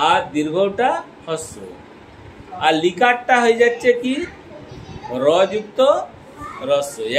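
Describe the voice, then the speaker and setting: A man with a very high voice teaches a grammar lesson at an unhurried, measured pace. He explains each point step by step and checks often that his listeners follow. A faint hiss runs under the recording. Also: rough recording.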